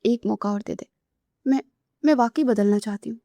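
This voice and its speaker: A woman's voice: fairly high pitch, gravelly, mellow, no room sound. A woman voicing a remorseful young woman in a novel reading, pleading with a breaking voice.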